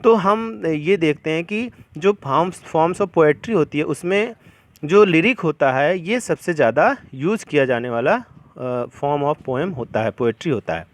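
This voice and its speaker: A male teacher giving a classroom lesson. He reads English definitions slowly, then patiently explains them again in Hindi. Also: fairly high pitch, animated.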